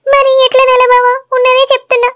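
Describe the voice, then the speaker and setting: A woman voicing a young wife in a cartoon, sharp and easily hurt, with a sulky manner. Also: level tone. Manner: chipmunk-high cartoon voice, rapid and sulky.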